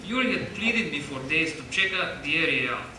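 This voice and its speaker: A weary Russian archaeologist telling of his dig in a thick Russian accent, as a young man reads his own story. The voice sits a little high and earnest. It comes from a mic far off in a very echoey hall with clear noise behind. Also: expressive, brisk, close to an everyday voice. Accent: put-on Russian. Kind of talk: reading a story aloud.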